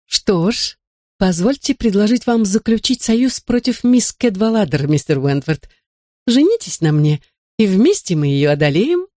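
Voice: medium pitch, big pitch swings, unhurried, a little mellow, no echo, studio quality, voice pushed up. A narrator voicing a haughty, scheming young woman who is secretly a witch, proud and demanding, in a read-aloud storybook. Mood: smug. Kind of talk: audiobook character voice.

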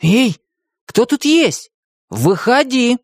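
A woman voicing a clever, hot-tempered young boy in an audiobook, speaking high and forcefully. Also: sing-song, no room sound, studio quality, exaggerated voice. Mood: eager. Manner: raised, quick-tempered and demanding.

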